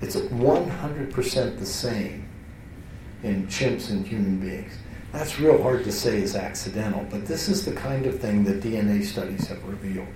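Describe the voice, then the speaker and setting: A man's voice: fairly low pitch, moderate pace, background noise. A man teaching a class in a conversational, self-interrupting way, often restarting his sentences. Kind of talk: lecture to a class. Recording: roomy hall, voice from far off.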